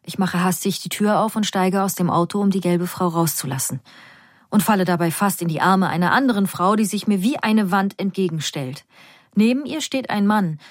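A woman reads a literary novel in the first person, steady and measured. Her voice sits at an ordinary middle pitch. The recording is close and dry, with no room echo. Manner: reads character quotes with slightly raised pitch. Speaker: audiobook narrator.

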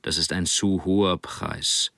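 A man voicing a proud middle-aged father in an audiobook, speaking slowly and fondly. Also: deep voice, steady tone, pushed and bright, dry recording, studio quality, exaggerated voice. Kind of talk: audiobook character reading.

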